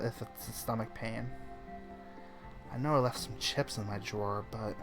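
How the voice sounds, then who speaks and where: A man reading a visual novel aloud in first person, casual, with small slips he corrects as he goes. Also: medium pitch. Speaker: let's play narrator.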